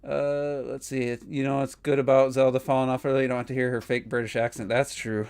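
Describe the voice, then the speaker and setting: A man talking games on a casual podcast, his voice smooth and resonant at an ordinary middle pitch. He rambles, hedges with fillers, and pushes his opinions. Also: little pitch movement, fast, darkish tone. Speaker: podcast co-host. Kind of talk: casual gaming podcast chat.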